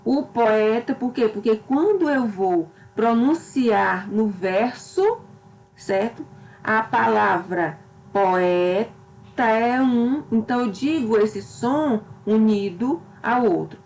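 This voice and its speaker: A woman's voice: on the high side, animated, slow pace, warm tone, a little hiss or hum, rough recording. A woman teacher giving a literature lesson, explaining step by step and often checking in with her students.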